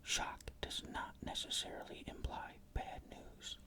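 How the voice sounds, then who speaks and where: A narrator reading a ghost story in a breathy, unvoiced whisper, with measured, careful literary phrasing.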